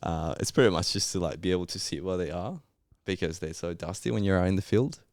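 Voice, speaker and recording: Speaking fast in a deep, darkish voice, a young Colombian man shares his story in an interview. He's a geologist and podcast guest, a native Spanish speaker using casual, laid-back, slangy phrasing in an Australian vein. The audio is studio quality with no echo.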